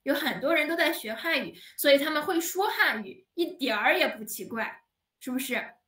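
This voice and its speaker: High, bright woman teaching slowly. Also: animated. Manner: slow, patient, drawn-out words for learners. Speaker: Chinese teacher. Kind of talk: online language lesson. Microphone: video call. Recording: echoey room, heard from a distance.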